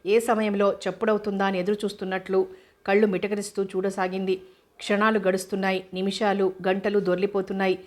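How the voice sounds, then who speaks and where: A woman narrating an audiobook novel in an even, steady reading voice. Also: medium pitch, a little fast.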